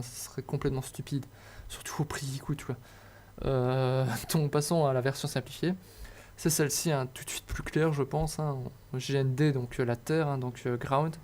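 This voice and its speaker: A man's voice: medium pitch, a little mellow. A young man talking casually through a slide tutorial on electronics, hesitant and joking at himself. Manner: hesitant, many fillers and restarts, self-mocking asides. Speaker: hobbyist electronics explainer.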